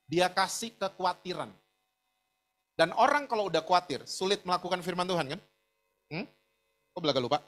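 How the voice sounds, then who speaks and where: A man's voice: high-pitched, animated, brisk, long pauses, fairly bright tone. A middle-aged man preaching a sermon, telling a personal story with frequent asides to the congregation. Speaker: pastor.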